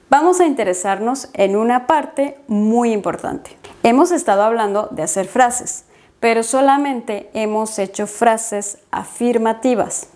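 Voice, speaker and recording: Slow, careful woman teaching French. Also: on the high side, darkish tone. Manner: slow, careful dictation of conjugations. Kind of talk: language lesson.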